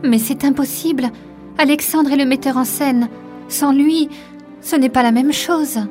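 A woman voicing an upset, tearful teenage schoolgirl who pleads in a high, insistent voice. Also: normal speed, dark tone, faint music behind, close to an everyday voice.

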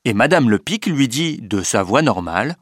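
Husky-voiced man reading a storybook. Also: medium pitch, no room sound, clean studio sound. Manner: expressive, unhurried reading. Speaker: narrator. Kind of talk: storybook read-aloud.

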